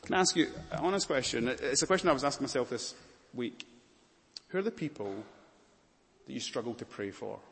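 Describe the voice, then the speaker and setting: A man preaches a sermon, building from hushed pauses to soaring climaxes. His voice sits in a middle pitch for a man. It rings out with a long reverb in a large church hall. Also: animated, creaky, a little hiss or hum. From Malawi. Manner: dynamic preaching with dramatic pauses and swells. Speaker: pastor.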